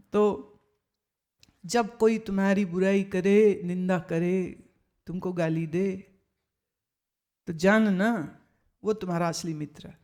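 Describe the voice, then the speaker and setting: A woman spiritual teacher speaks to her listeners in an unhurried discourse, pitched in a middle range. She breaks the teaching up with anecdotes and brings them to life by acting out what others said. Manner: lively storytelling, acts out other people's remarks.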